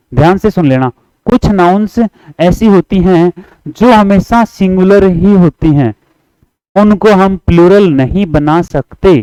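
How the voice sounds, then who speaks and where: A man with a Haryanvi Hindi accent teaching English grammar for exam prep, repeating points, coaxing students to answer along and reading example sentences slowly. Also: high voice, warm tone, smooth, no room sound, rough recording.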